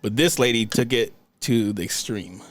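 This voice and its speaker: A young man co-hosting a podcast chats casually, rambling and restarting his sentences often. His voice sits at a middle pitch and is recorded close with a dry, roomless sound. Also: no room sound. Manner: rambling, halting restarts, many fillers. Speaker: podcast co-host. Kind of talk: casual chat.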